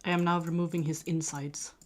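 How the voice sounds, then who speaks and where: A woman's voice: sits low, little pitch movement, fairly quick. A woman co-hosting a casual livestream, teasing and swearing playfully. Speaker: co-host.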